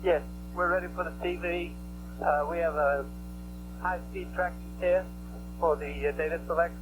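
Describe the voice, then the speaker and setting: A man working as a network controller, giving halting, matter-of-fact technical reports over a headset radio loop. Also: high-pitched, steady tone, noisy background. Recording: humming 1960s mission control radio loop.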